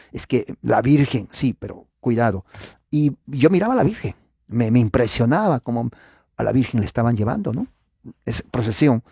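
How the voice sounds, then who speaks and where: This church history lecturer has a creaky, dark, medium-pitched voice, captured in studio quality with no echo. Addressing viewers directly, he keeps things informal, tossing out rhetorical questions and lots of filler sounds.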